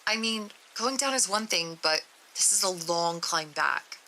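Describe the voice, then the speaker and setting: A woman's voice: fairly low pitch, expressive, unhurried, pushed and bright, a little hiss or hum, heavily acted, poor audio. A woman voicing a young female test subject, nervous and easily grossed out, talking in a raised, exclaiming voice during a creepy story reading. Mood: wary. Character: young woman test subject descending endless stairs, scared and disgusted.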